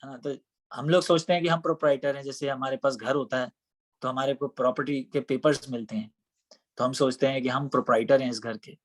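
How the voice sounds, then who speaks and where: A man's voice: medium pitch, fairly even intonation, a little fast. A man giving a devotional scripture class in a conversational way, often asking rhetorical questions. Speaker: scripture teacher.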